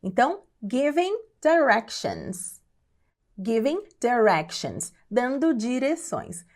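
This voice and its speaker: Slow, clear Brazilian woman teacher. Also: on the high side, darkish tone. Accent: Brazilian Portuguese. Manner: slow and clearly spaced, repeating English phrases syllable by syllable. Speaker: English teacher. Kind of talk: online language lesson.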